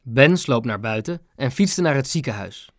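An audiobook narrator telling a children's story with a lively, animated melody. The reading is close-miked and dry. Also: mid-range voice, moderate pace, no echo.

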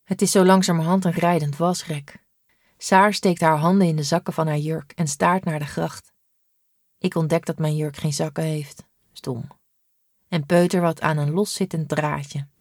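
A woman narrating a children's story in an even, clear reading. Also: low voice, moderate pace, dry recording, clean studio sound. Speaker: audiobook narrator.

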